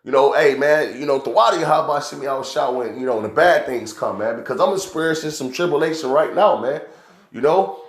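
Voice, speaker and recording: A man's voice: medium pitch, a little fast. Casual man preaching scripture, echoey room. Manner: casual, calls listeners "man" constantly, many fillers. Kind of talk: informal scripture teaching. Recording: roomy echo.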